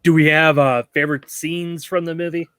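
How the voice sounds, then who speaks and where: A man's voice: fairly high pitch, level tone, normal speed, fairly bright tone, clean tone, no echo. A man hosting a casual movie review podcast, chatty and giggly with lots of fillers. He leads the talk and asks the others for their picks. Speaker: podcast host.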